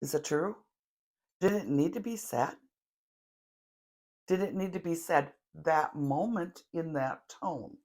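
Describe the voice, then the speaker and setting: A middle-aged woman leading a grounding meditation in a slow, chatty way, with self-deprecating asides and the odd cough. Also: deep voice, darkish tone. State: coughing now and then. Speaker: tarot reader leading a guided meditation.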